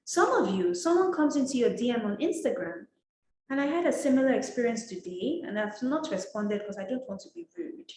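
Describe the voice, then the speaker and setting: A woman's voice: on the high side, very animated, brisk, darkish tone, slight background noise. A woman from Nigeria teaching an etiquette masterclass, talking in a direct, emphatic and scolding way. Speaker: etiquette coach. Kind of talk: motivational masterclass talk. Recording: roomy echo.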